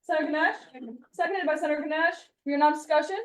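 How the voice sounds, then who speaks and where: A young woman chairs a student government meeting, moving briskly through roll call and motions. Her voice sits high, and it reaches the mic from a distance. The room around her echoes noticeably. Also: fairly even intonation. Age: young adult. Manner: brisk procedural, reads scripted statements.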